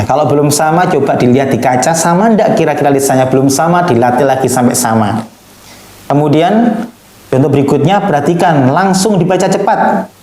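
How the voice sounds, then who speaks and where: A male Quran reading teacher, drilling children through syllables with sharp, high, pressed demonstrations and low coaching asides. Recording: echoey room.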